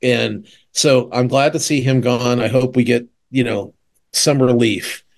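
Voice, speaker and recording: A man co-hosting a casual chat podcast, rambling through TV recaps with lots of fillers and animated retellings. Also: mid-range voice, unhurried, gravelly. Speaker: podcast co-host. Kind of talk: casual chat about TV shows.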